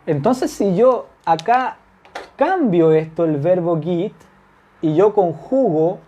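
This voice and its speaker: Slow, patient teacher. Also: medium pitch, dark tone, slight background noise. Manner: patient, checks understanding with frequent tag questions; repeats example phrases slowly. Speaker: Turkish language teacher. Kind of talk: whiteboard grammar lesson.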